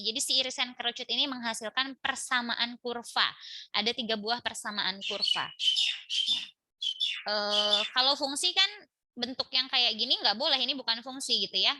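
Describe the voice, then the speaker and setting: A woman's voice: a little high, pushed and bright, no room sound. A woman teaching an online math lecture from home, chatty and explaining step by step with frequent tag questions. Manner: chatty, tags lines with "gitu ya". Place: home in a village by a busy road. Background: motorbike traffic.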